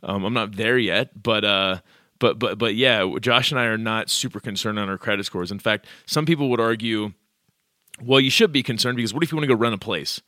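Sex: man. Role: podcast co-host. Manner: blunt, direct, casual. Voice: bright, sharp. Sound: dry, close mic. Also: fairly low pitch, brisk, no room sound.

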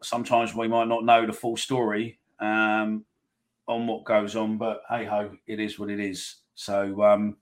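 A man's voice: fairly low pitch, monotone, unhurried. A man hosting a football podcast in casual, blunt, sweary chat.

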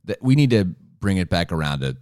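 A man's voice: deep voice, big pitch swings, fast, a little mellow, dry recording, studio quality. A man co-hosting a sports podcast, chatting casually and teasing his co-host in an easygoing way.

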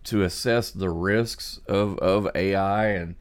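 A man hosting a podcast, discussing news conversationally in a halting way, repeating words as he thinks aloud. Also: sits low, steady tone, clean tone. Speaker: podcast host.

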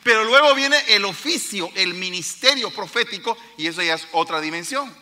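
Male preacher, sermon, emphatic, very bright voice, swooping lively pitch. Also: normal speed, in a large hall. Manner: emphatic, addresses the congregation directly.

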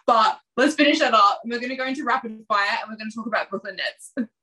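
A woman hosts a casual basketball podcast. Her voice is bright and forward, and she talks in a loose, emotional way, full of "like" and quick asides. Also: a little high, husky, poor audio. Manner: chatty and emotional, filler-heavy. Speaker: podcast host. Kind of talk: casual sports podcast chat.

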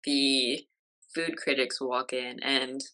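A woman's voice: a bass voice, fairly even intonation, takes it slowly, bright, forceful tone. A woman co-hosting a casual podcast film recap, peppering her talk with "like" and frequent laughs. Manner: says "like" constantly, laughs often, quotes characters. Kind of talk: casual chat.

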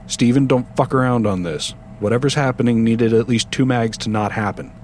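A man voicing a tough rural woman who shouts and curses in an audiobook story. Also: mid-range voice, normal speed, slight background noise, natural voice. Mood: angry, urgent. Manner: shouting, cursing.

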